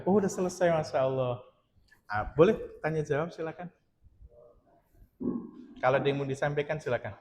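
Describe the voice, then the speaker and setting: Lively high-voiced man giving a marriage talk. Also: a little fast, pauses often, roomy sound, a little hiss or hum. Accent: Indonesian. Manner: animated, acts out little dialogues with laughs. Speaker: speaker at a marriage seminar. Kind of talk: humorous religious talk to participants.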